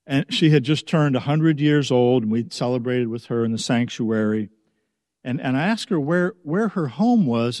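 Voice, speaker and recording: A man preaches slowly and thoughtfully from the pulpit, his mid-range voice settling into measured phrases. His sermon carries the long reverb of a sanctuary. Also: medium pitch, a little mellow, clean studio sound. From United States. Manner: slow, measured, reflective delivery. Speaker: pastor.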